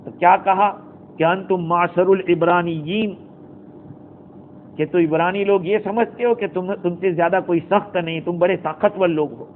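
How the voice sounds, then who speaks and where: A man giving a Quran commentary lecture, quoting Arabic verses and explaining them in a storytelling way. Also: high voice. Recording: tinny phone-like recording with faint noise.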